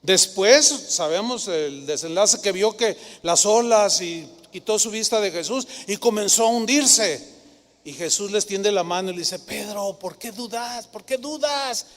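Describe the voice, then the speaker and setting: Mexican pastor guy preaching, high voice, acts out the quotes, lots of hall echo. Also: a little slow. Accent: Mexican Spanish. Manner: animated storytelling, acting out quoted voices. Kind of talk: sermon.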